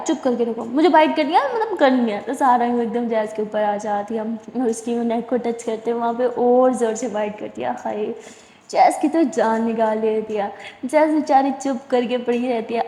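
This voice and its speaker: A woman's voice: a little high, warm tone. A woman casually retelling a love story in a chatty, informal way. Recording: echoey room with long reverb.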